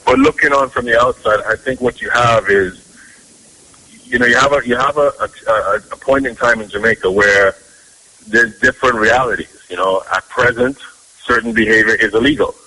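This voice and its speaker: A man from Trinidad calling in to a radio show, speaking in a measured, hedging way with many fillers. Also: mid-range voice, pushed and bright, slightly rough, rough recording. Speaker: caller, conference organizer. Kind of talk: phone-in interview. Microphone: telephone.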